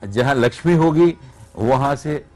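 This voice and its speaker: A man's voice: mid-range voice, unhurried, a little mellow, faint music behind. A man, a radio voice artist, explaining his craft step by step as a guest on a TV morning show and checking that he is understood. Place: TV studio.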